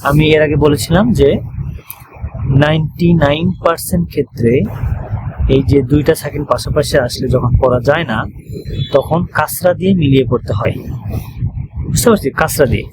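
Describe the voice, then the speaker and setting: A man with a Bangladeshi Bengali accent teaching an online Arabic grammar lesson. He explains step by step, often asks checking questions, and reads example phrases slowly before translating them. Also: on the high side, heavy background noise.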